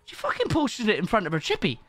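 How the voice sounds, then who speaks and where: A man's voice: high voice, wildly swooping pitch, fast talker, fairly bright tone, no room sound. A man chatting casually to his viewers on a live stream, swearing often and greeting people by name.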